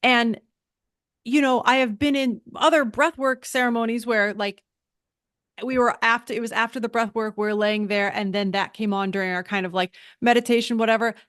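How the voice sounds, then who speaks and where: A woman's voice: a little high, steady tone, moderate pace, fairly bright tone, clear, resonant tone, no echo. Chatty woman podcast host, dry sound. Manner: chatty, self-interrupting with frequent restarts. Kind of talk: conversational interview.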